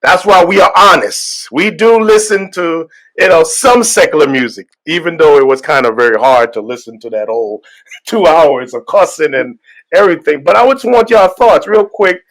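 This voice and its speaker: A man's voice: fairly high pitch, animated, normal speed, a bit bright. A man and pastor hosting a casual podcast, greeting listeners with hype and rambling through his points. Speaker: host and pastor.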